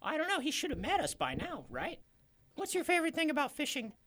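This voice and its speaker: A really high squeaky fisherman, jumpy and excitable, comedy improv. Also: fast talker, full character voice. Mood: gleeful. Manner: high-pitched, exclaiming. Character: excitable, easily spooked fisherman on a boat. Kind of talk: improvised comedy role-play.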